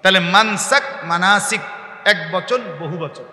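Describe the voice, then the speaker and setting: A man preaching a sermon in a mosque. He explains by putting questions to his listeners, and his speech swings from quiet explanation to impassioned shouting. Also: a little slow, reverberant, long reverb tail. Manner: impassioned, rising to shouts, then dropping low; explains by asking the audience questions.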